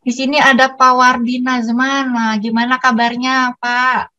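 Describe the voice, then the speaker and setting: A woman's voice: high-pitched, little pitch movement, measured pace, bright, forceful tone. A woman moderating an online seminar, introducing the next questioner in a friendly manner. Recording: dull lo-fi call audio with faint noise.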